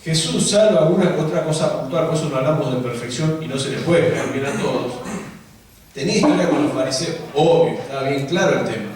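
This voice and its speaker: A man's voice: fairly high pitch, a little fast, crowd noise. A man with a Rioplatense Spanish accent, preaching a conversational sermon to church leaders and asking the room many rhetorical questions. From Argentina. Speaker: pastor. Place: church hall. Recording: very echoey hall from far off, faint noise.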